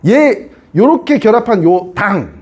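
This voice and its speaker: Male science teacher, high and very animated delivery, keeps asking the class if they follow. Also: a little slow, slight background noise. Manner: chatty, keeps asking students to confirm; repeats and re-explains key points. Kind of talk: classroom lecture.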